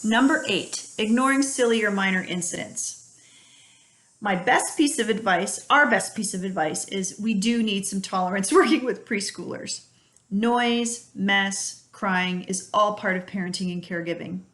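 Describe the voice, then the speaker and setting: A woman's voice: mid-range voice, unhurried, a bit bright. A middle-aged woman speaks as an early childhood educator, guiding parents through practical tips. Her delivery is friendly and down-to-earth, and she explains each idea with everyday examples. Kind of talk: instructional talk to parents.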